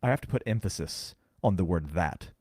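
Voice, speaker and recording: A man co-hosting a podcast, carefully explaining scripture in casual chat and slowing down to stress key words. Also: low-pitched, lively intonation, darkish tone, slightly rough, no room sound, clean studio sound. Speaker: podcast co-host. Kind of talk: casual Bible teaching chat.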